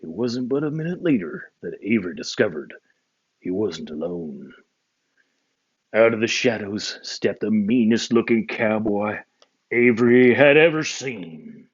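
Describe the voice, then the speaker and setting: A man reads a children's picture book aloud with a very lively, swooping voice. He drops low and quiet for the narration tags. The recording sounds muffled and lo-fi. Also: unhurried, breathy edge. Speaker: storybook reader. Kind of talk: children's storybook read-aloud.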